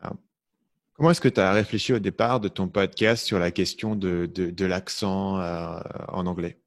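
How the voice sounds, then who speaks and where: Host with a very deep voice and a blended French accent, dry recording, thoughtful questioning. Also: male voice, fairly even intonation, moderate pace, no room sound. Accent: mixed French. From France. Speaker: podcast host. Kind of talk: casual interview chat.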